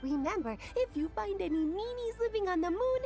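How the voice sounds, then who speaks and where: A woman voicing an exuberant little fluffy-tailed game creature, grandly wordy and theatrical, with drawn-out exclamations. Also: extremely high pitch, lively intonation. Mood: playfully zealous. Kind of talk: video game character acting. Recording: loud music behind the voice.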